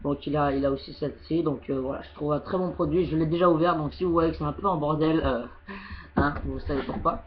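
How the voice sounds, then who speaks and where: A man's voice: on the high side, steady tone, quick pace, lo-fi sound. A young man doing a casual home unboxing video of a game controller, hesitant and full of filler words. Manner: hesitant, heavy fillers like "donc, euh".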